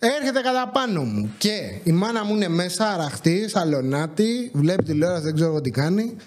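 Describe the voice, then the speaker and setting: A man telling a comedic anecdote on his podcast in an animated, exasperated way, acting out what others said. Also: high voice, background noise. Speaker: podcast host. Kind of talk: comedic storytelling.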